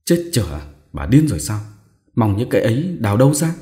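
A man's voice: medium pitch, very animated, fairly quick, mellow, lightly acted. A man playing a blustering older mandarin. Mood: pleading. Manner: blustering, then pleading. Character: pompous bullying older male mandarin official.

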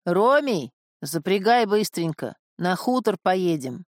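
A woman doing a gruff old village wise woman. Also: fairly low pitch, sing-song, slow pace, dry recording, clean studio sound. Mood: stern. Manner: gruff and commanding.

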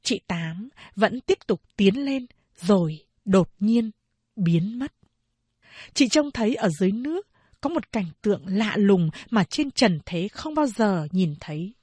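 A woman narrating a novel in a measured, expressive storytelling voice. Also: medium pitch, slightly rough, no room sound. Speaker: audiobook narrator.

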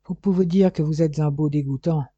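A man's voice: on the high side, fairly even intonation, a little fast, mellow, no room sound, highs cut off, close to an everyday voice. A man voicing a touchy, indignant French police inspector in an audiobook. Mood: defensive.

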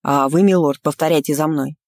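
A man's voice: a little high, steady tone, brisk, darkish tone, dry recording, studio quality, voice pushed down, close to an everyday voice. A woman voicing a pedantic male court mage who speaks in formal, lecturing phrases. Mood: solemn.

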